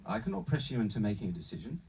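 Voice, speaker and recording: A man's voice: fairly low pitch, very animated, rapid-fire, creaky, a little mellow, far from the mic, slight background noise, poor audio. Man playing a formal travel agent, swooping intonation. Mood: patient, persuasive. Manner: formal, courteous, salesman-like, calls the customer sir. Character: unflappable, smiling male travel agent with a sinister pitch. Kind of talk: live screenplay table read.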